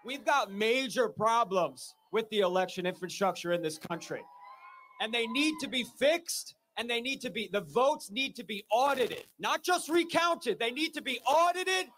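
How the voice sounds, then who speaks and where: A man giving an emphatic rally speech, shouting out his key lines to a crowd. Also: very high voice, animated, moderate pace, a little hiss or hum, poor audio. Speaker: rally speaker, protest organizer.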